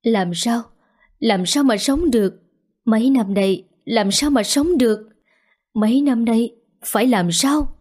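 A woman reading the lines of a grief-stricken elderly grandmother with a husky, choked voice. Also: a little high, slow, a little mellow. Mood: despairing.

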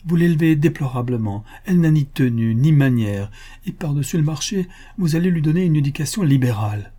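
A man's voice: a little high, animated, a little fast, dark tone, pitched above the performer's own voice. A man voicing a meddling, tearful older mother-in-law who pleads and insists, in a raised voice.

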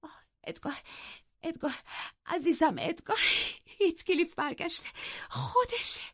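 A woman voicing an excitable, impulsive young lady of the manor in an audiobook, talking eagerly and breathlessly. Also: mid-range voice, no room sound, voice pushed up. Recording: dull, dry lo-fi studio audio.

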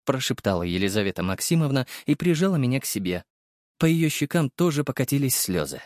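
A man narrating a first-person audiobook in a lively, wry and expressive manner. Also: mid-range voice, a little fast, no echo, clean studio sound.

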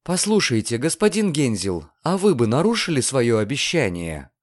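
A man voicing a sharp, proud young maid in an audiobook reading, speaking curtly and defiantly. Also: mid-range voice, sing-song, moderate pace. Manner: curt, defiant.

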